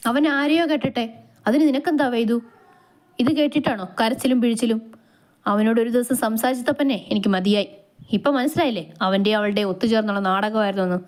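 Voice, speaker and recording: A woman's voice: fairly high pitch, brisk, lightly acted. A woman doing a caring, serious young man. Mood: concerned. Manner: serious, concerned questioning.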